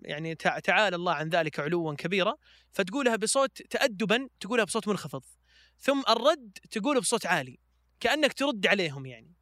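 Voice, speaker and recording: A man from Switzerland, a podcast guest, reciting the Quran in slow drawn-out chanting and talking casually with hesitant fillers. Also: sits high, very animated, fairly bright tone, dry recording, studio quality.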